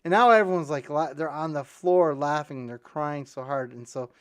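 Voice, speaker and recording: A man hosting a podcast, telling a long joke in a rambling way, with restarts. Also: normal speed. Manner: rambling storyteller, restarts, jumps to high voices for punchlines. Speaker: podcast host.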